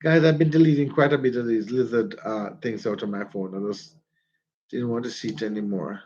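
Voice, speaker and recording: Over dull, lo-fi phone audio, a man from Jamaica livestreams as a vlogger, spinning stories and laughing frequently. He sounds stuffy-nosed, with a medium-pitched, darkish voice and a fairly quick pace.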